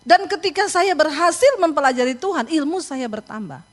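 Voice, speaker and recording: A man's voice: very high voice, animated, moderate pace, pitched above the performer's own voice. A woman voicing a proud learned man confessing. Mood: earnest. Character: proud educated man turned humble.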